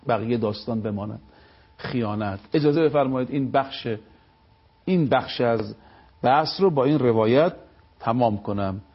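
Male religious speaker, fairly high husky voice, preachy storytelling, lo-fi TV sound. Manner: preaching, storytelling, slow stressed recitation of sayings. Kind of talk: religious talk on live TV.

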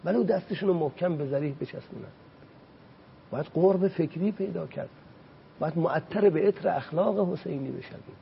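A man speaking as a religious guest on a talk show, preaching with passion and slowly reciting Arabic quotations. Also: a little high, vocal fry, lo-fi sound, slight background noise. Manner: impassioned, rises sharply on points.

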